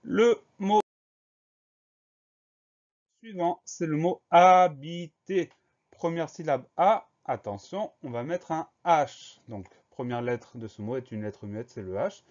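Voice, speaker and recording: A male teacher giving a spelling lesson for primary pupils, spelling words out slowly letter by letter. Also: on the high side, animated, a little mellow. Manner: slow, careful letter-by-letter spelling. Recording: slightly dull lo-fi recording.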